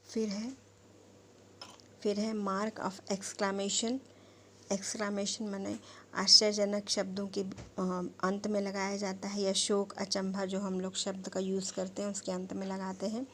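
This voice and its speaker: A woman's voice: medium pitch, completely flat delivery, a little hiss or hum. A woman teacher patiently explaining punctuation, spelling words out and often checking with "okay?". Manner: repeats "ठीक" and "है ना" to check understanding; slow, patient explaining with fillers. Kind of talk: classroom lesson on punctuation.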